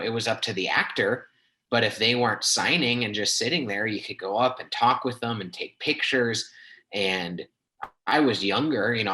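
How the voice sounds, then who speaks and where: A young man co-hosting a casual podcast tells stories chattily and laughs as he talks. His voice is on the low side, pushed and bright, and the recording quality is low.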